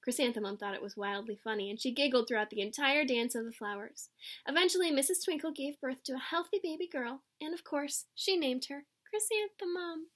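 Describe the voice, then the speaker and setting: A woman's voice: high voice, fairly quick, a bit bright. A woman reading a children's picture book aloud expressively, acting out the dialogue. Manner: acts out dialogue with varied voices. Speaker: storybook reader.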